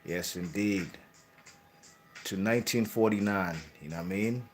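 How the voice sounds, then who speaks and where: Over soft background music, a man with a fairly low voice talks at a normal speed. He hosts a boxing channel and rambles casually through boxing history, correcting himself and ending lines with "you know what I mean".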